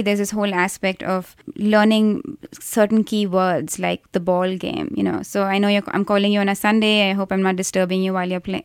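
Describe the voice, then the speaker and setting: A woman's voice: medium pitch, clear, resonant tone, no room sound, studio quality. A woman from India with an Indian accent, giving thoughtful, explanatory answers in a conversational interview. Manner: thoughtful, explanatory, with frequent restarts and hedges. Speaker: interview guest, researcher of call centers.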